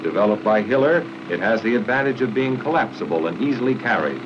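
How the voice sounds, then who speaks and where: An American man with a lowish voice and lively intonation reads measured, formal instructions as narrator of a 1950s military training film. The old soundtrack is muffled and noisy.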